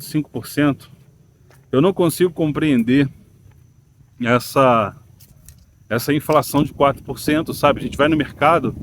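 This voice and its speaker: A man's voice: medium pitch, background noise. A man with a Brazilian Portuguese accent hosting a channel, musing aloud to viewers with many "né" and "tá" fillers and frequent questions. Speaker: channel host. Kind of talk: casual opinion monologue to camera.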